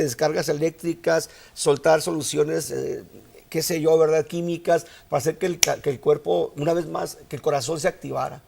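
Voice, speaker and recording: Gravelly preacher man. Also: on the high side, a little mellow. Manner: storytelling preacher, rising to emphatic outbursts. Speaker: pastor. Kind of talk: sermon.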